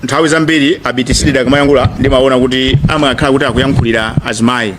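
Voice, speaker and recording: A man's voice: medium pitch, steady tone, racing, noisy background. A man with a Malawian accent giving an emphatic political speech at a press briefing, often repeating phrases. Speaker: lead speaker at a press briefing.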